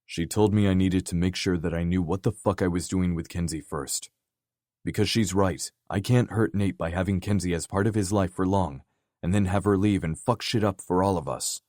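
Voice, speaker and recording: A frustrated, remorseful man grumbles and curses at himself in a deep, gruff voice, voiced by a male narrator. The audiobook sound is dry and close. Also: moderate pace, darkish tone, dry recording, lightly acted. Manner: gruff, self-blaming.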